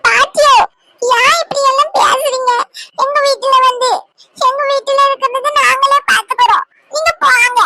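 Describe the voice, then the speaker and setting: A woman playing a young daughter who pleads through tears to calm her mother. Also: very high voice, unhurried, pauses often, dry recording, full character voice, rough recording. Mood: defiant. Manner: pleading, tearful calling out. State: crying.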